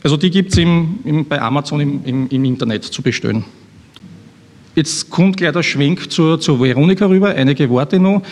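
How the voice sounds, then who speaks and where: A man's voice: fairly high pitch, moderate pace, darkish tone. An Austrian man, an author introducing a reading at a live event, talking in a rambling, self-mocking way with many restarts. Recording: long hall reverb.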